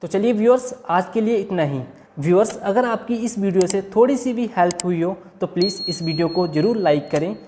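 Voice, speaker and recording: A woman teaching an English lesson, spelling words out letter by letter and pronouncing each one slowly and carefully. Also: mid-range voice, mellow, a little hiss or hum. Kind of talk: lesson explaining silent letters.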